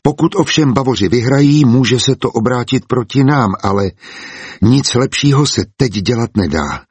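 A man's voice: mid-range voice, expressive, slightly rough, dry recording, voice pushed up. A man reading a cold former executioner. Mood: cold, firm. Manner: cold, blunt. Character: hardened former executioner, steady husband, nerves of steel.

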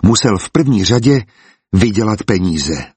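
A man narrating a storybook as an audiobook, in a calm and even way. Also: lowish voice, slightly rough, no echo.

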